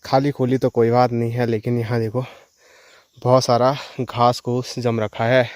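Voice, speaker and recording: On a forest walk, a man from the Himalayan hills of northern India vlogs casually, speaking right to his viewers in a chatty manner. His mid-range voice is a little mellow, barely moves in pitch, and holds a moderate pace. There's no room sound, only insects and rural outdoor noise behind him.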